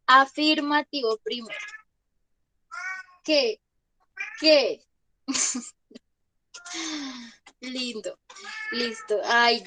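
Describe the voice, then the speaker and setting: Brief: woman teacher, high voice, dry close sound, patient and questioning. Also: bright, forceful tone, dry recording. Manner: patient, asks students questions and repeats examples. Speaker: English teacher. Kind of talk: online class explanation in Spanish.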